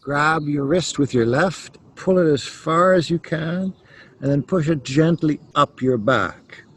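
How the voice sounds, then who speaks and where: A man leading a yoga class, calmly cueing each stretch step by step. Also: fairly high pitch, slight background noise. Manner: slow, calm cueing of stretches. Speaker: yoga teacher. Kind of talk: guided yoga instruction.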